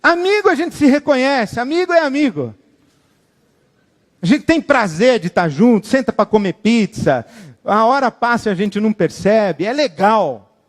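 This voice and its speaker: A man preaching a sermon with animated, dramatic delivery, acting out the people he quotes. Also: high voice, normal speed, long reverb tail. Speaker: pastor.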